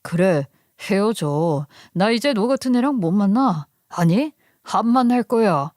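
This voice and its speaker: Woman doing a sneering young man, cold, slow, lower-pitched, dry close recording. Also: expressive, darkish tone, dry recording, lightly acted. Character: callous arrogant young man, ex-fiancé.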